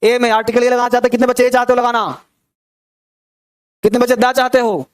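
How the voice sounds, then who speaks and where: A man's voice: very high-pitched, fairly even intonation, brisk, clear, resonant tone, no echo. A young man teaching a grammar class, drilling pronunciation and checking in with his students. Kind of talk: classroom lecture.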